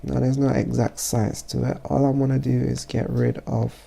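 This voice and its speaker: A man with a stuffy, congested voice narrating a casual photo-editing tutorial as he works, halting and thinking aloud. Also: medium pitch, little pitch movement, creaky, warm tone, slightly rough. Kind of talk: casual software tutorial voice-over.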